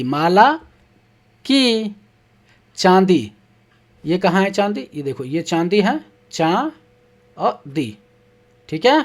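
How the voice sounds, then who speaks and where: Speaking in a mid-range voice, a teacher takes young children slowly through a lesson from their textbook. Questions get read out loud before the answers follow, with words carefully broken into syllables.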